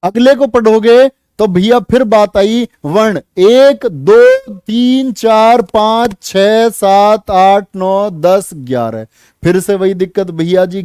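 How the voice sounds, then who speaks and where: Male teacher, high and mellow, unhurried, quizzes the class and answers himself. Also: no room sound, clean studio sound. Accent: North Indian Hindi. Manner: coaxing, asks pupils questions and answers them himself; counts syllables aloud slowly. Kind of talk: classroom lecture.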